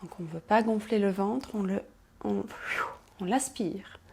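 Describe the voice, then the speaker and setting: A woman instructor calmly guiding a pilates class, cueing movements and counting, with soft whispered asides. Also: medium pitch, normal speed, vocal fry, slightly rough. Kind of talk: guided exercise class instruction.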